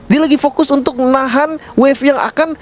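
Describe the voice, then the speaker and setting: A man's voice: very high voice, fairly quick. A man giving casual, colloquial analysis as co-commentator on a live esports match. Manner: colloquial, repeats short agreeing phrases.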